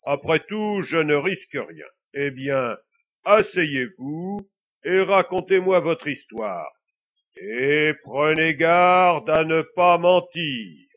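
A man voicing a stern, suspicious old pope giving measured advice in a storybook reading. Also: on the high side, animated, fairly bright tone.

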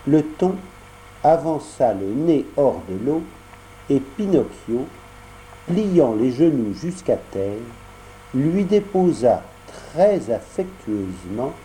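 Slow, expressive male storybook narrator. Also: mid-range voice, a little hiss or hum, low-quality recording. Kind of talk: audiobook narration.

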